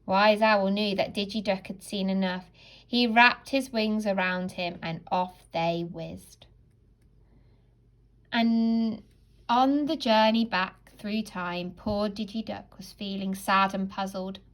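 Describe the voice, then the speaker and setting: A woman reads a children's storybook aloud the way a teacher would, dramatic, deliberate and expressive. Her pitch is medium, and the audio quality is poor.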